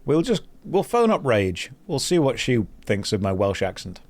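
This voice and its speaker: Playing a game on a live stream, a man chats loosely with viewers, pokes fun at himself, and reads chat messages and quest text out loud. His medium-pitched voice has a darkish tone, swings widely in pitch, and moves at a moderate pace.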